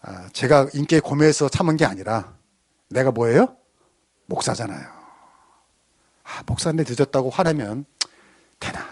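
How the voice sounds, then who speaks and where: Middle-aged male preacher; animated sermon storyteller, quizzes his flock, dry close mic. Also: medium pitch, moderate pace, vocal fry, long pauses, dry recording. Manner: lively storytelling with rhetorical questions to the congregation. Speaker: pastor. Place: church sanctuary.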